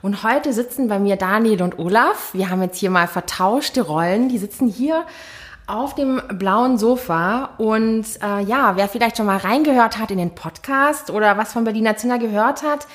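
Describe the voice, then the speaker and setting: Woman, mid-range voice, interviewer, upbeat, inviting. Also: medium pitch. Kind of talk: friendly podcast interviewing.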